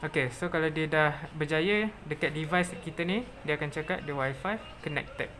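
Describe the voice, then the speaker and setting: Speaking in a mid-range voice at normal speed, a Malaysian-accented presenter narrates a software tutorial one step at a time, weaving English technical terms into the explanation.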